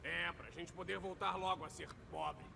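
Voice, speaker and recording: A man's voice: high voice, fairly even intonation, moderate pace, creaky, long reverb tail, background noise. A man voicing a cranky, sarcastic raccoon mechanic with a Brazilian accent in a game dub. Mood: brash, sarcastic. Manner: griping, sarcastic.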